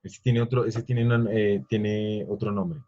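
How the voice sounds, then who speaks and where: A man's voice: lowish voice, flat delivery, measured pace. Man, teacher, online class, rambling lecture, quizzes students, muffled lo-fi audio. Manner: rambling, stops to quiz students.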